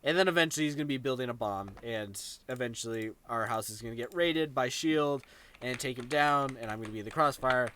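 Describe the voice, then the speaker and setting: A man's voice: mid-range voice, fairly quick, fairly bright tone. Playful rambling male podcast co-host. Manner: rambling, playful, gestures while talking. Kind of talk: casual chat.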